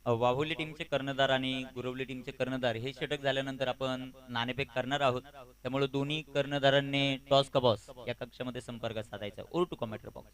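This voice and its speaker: A man's voice: mid-range voice, fairly even intonation, a little fast. A man making formal announcements as the toss presenter at a local cricket tournament.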